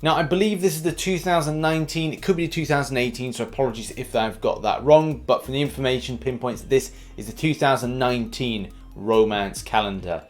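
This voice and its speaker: Soft music plays underneath as this British host runs through gaming news at a slightly quick clip with few pauses. His medium-pitched voice stays cheeky and casual, and he punches the start of each phrase in this upbeat YouTube update.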